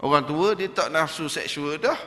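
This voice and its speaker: Preacher with a bright, tense voice. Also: male voice, a little high, moderate pace, long reverb tail. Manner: storytelling, animated, acts out voices. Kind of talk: dawn mosque lecture. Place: prayer hall.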